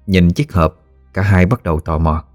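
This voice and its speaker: A man narrating a horror story in a measured, somber storytelling manner. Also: low voice, soft background music.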